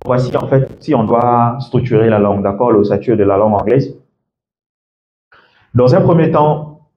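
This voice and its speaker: A man's voice: mid-range voice, highs cut off, slight background noise. A man working as an English coach gives a classroom lecture, explaining step by step and often checking in with "d'accord?".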